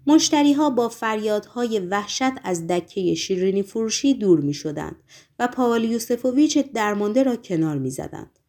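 A woman's voice: mid-range voice, animated, a little mellow. Woman narrating a story expressively. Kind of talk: audiobook narration.

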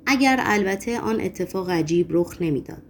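A woman narrating a novel as an audiobook, reading in a steady, measured way. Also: lowish voice, slight background noise. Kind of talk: scripted narration.

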